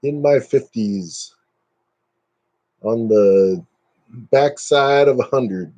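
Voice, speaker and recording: A man's voice: mid-range voice, extremely slow, dark tone, highs cut off. A man in his fifties hosting a casual live stream, chatting and joking at his own expense. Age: 50s. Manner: joking, self-mocking, chatty.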